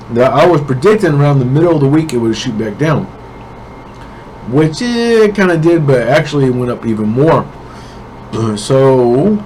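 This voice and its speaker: A man's voice: mid-range voice, darkish tone, slight background noise, rough recording. A man with a cold and a congested voice, giving his weekly forex predictions in a casual way and often checking in with the listener. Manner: casual, keeps checking in with "okay?". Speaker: forex trading analyst. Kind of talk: weekly market prediction talk.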